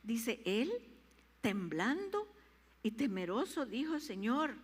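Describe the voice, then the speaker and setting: A woman's voice: fairly high pitch, expressive, a little slow. A woman pastor preaching a sermon, emphatic and repetitive, rising to fervent peaks, in a reverberant church hall.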